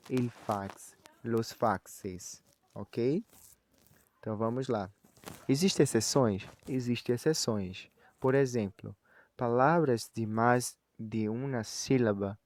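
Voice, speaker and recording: A man who speaks Portuguese natively, teaching Spanish grammar in a recorded lesson. He slows down to spell out each example and often checks in with "ok?" or "certo?". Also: medium pitch, a little mellow.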